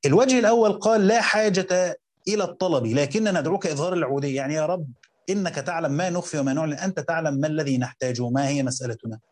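A man with an Egyptian Arabic accent teaching a Quran commentary lesson, reading quotes slowly and then explaining them in colloquial talk while questioning his students. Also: a little high, a little mellow.

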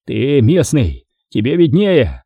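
A gruff sergeant-major, wounded and hoarse, grumbling through the pain, as a man puts him on. The voice is dark and raspy, lifted a little above the narrator's own. It is a dry, close reading. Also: a little high, big pitch swings, normal speed, no room sound, highs cut off, voice pushed up, heavily acted.

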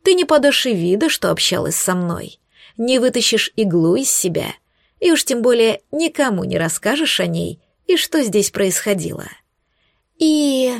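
A woman's voice: on the high side, big pitch swings, creaky, no echo, studio quality. A woman putting on a smug cruel young witch. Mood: sneering. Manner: mocking, hissing, drawn-out threats.

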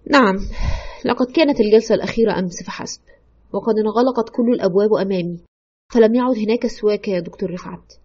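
A woman's voice: medium pitch, quick pace, darkish tone, breathy edge, lo-fi sound, close to an everyday voice. A woman playing a frightened widow haunted by her husband's ghost, retelling her story in a fearful, urgent way in an audio horror drama. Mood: tense. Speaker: storyteller consulting a doctor.

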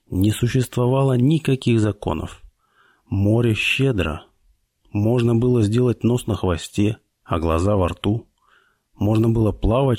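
Male audiobook narrator, low voice, dry close sound, steady measured read. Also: dry recording. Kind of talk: scripted narration.

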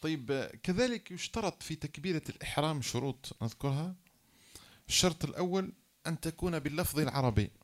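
A man lectures a class at a quick pace in an animated voice, going through rules one at a time and repeating key phrases. He acts out example phrases, then drops his voice low to declare them invalid.

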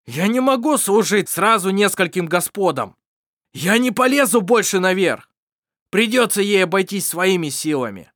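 A reader voicing a stubborn, bitter male servant who shouts harshly and hisses, in an audiobook. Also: medium pitch, lively intonation, normal speed, no room sound, clean studio sound, pitched above the performer's own voice.

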